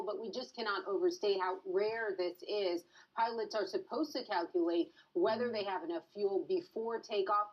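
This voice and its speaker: A woman news correspondent explaining a story live to an anchor. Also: mid-range voice. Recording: slightly dull broadcast sound.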